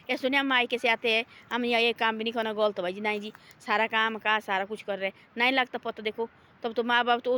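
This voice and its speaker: Casting note: woman, slightly high voice, homely rambling talk outdoors in a forest, gently moralizing.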